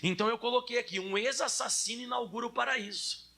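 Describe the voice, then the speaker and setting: A male preacher with a Brazilian Portuguese accent speaks fast in a high, bright voice with a husky edge. His sermon is chatty and direct, and he calls on the congregation to answer back.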